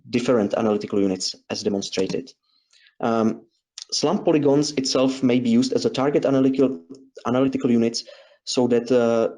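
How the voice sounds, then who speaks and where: A man giving a technical webinar presentation in a hesitant, halting way, often repeating phrases. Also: medium pitch, a little mellow. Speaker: presenter, researcher.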